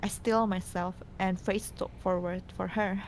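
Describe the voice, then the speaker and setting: A woman's voice: fairly even intonation, a little slow. A woman narrating a scripted game story aloud, now and then stumbling over the reading. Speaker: co-host reading a visual novel aloud. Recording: noisy, low rumble behind.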